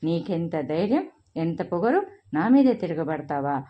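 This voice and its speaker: A woman's voice: on the low side, sing-song, unhurried, dull audio. A woman voicing a furious, bitter middle-aged mother who scolds shrilly in a read-aloud family story.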